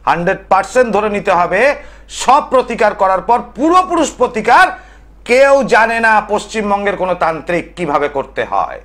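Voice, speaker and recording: A man's voice: sits high, big pitch swings, brisk, a bit bright. A man hosting a live call-in TV show as a tantric astrologer, speaking in an impassioned monologue with emphatic, rhythmic lists. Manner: emphatic, rhythmic listing with rising declamatory stresses.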